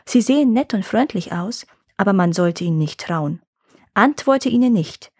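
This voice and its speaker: A woman's voice: mid-range voice, lively intonation, moderate pace, a little mellow, no echo, clean studio sound. Woman voicing a grave, protective bull elk. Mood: warning. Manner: grave, warning, grumbling. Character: big gentle stern male elk, protective.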